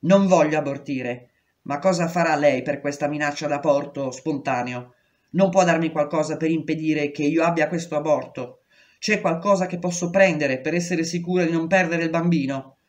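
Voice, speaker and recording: A woman's voice: deep voice, moderate pace, close to an everyday voice. A woman reading a frightened, pleading young prisoner. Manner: pleading and urgent. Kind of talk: audiobook reading.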